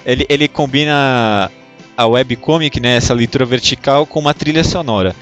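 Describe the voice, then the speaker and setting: A man's voice: medium pitch, moderate pace, a bit bright, soft background music. A man with a Brazilian Portuguese accent co-hosting a casual podcast, teasing and laughing often. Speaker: podcast co-host.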